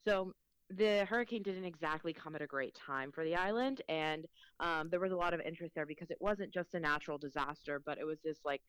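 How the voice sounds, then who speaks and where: With a deep, smooth, fairly bright voice, this young Mexican woman reporter, whose first language is Spanish, speaks a little fast in a relaxed interview, leaning heavily on ums and likes. Her Mexican accent comes through, and the audio is poor but free of echo.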